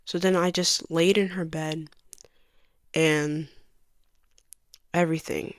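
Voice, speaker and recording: Young woman, personal testimony, halting, hushed, lowish voice, dry close sound. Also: fairly even intonation, no room sound. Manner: halting and soft, often dropping to a near whisper. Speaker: vlogger giving a personal testimony. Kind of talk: emotional personal storytelling.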